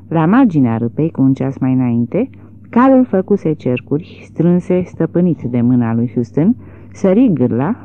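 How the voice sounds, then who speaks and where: A woman reading a literary novel aloud in a measured, expressive storytelling manner. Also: low-pitched. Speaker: audiobook narrator. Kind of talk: literary audiobook narration. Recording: tinny phone-like audio.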